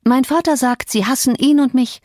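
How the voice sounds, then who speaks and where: A woman reading a lively teenage girl in an audiobook, voicing her higher, eager and calling out. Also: moderate pace, dry recording, clean studio sound, lightly acted. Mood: defiant.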